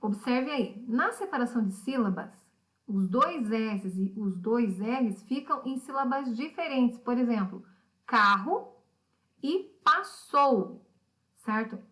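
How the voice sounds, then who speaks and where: Patient schoolteacher, higher voice. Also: female voice, lively intonation, a little slow. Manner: patient, explanatory, asks pupils questions. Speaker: teacher. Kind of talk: recorded remote lesson.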